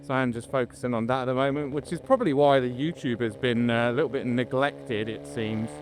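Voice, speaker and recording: A man's voice: mid-range voice, fairly even intonation, brisk. A British man vlogging casually from a motorbike, rambling informally into a helmet mic as he rides. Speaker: motovlogger. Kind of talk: casual vlog chat while riding. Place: outdoors on a moving motorbike. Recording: noisy helmet mic, engine hum. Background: motorbike engine and road noise.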